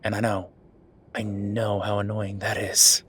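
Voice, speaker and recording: The man performs as a tired werewolf official letting off steam to his partner, his sardonic, conversational lines broken by emphatic pauses. He speaks in a lowish, husky, fairly bright monotone. The mood is weary and coaxing.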